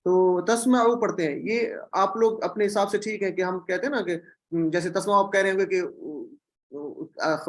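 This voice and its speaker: A male teacher leads an online class over a video call, calm and patient. He drills verb forms again and again, slowly repeating each pattern for his students. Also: high-pitched, low-quality recording. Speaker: Quran Arabic teacher.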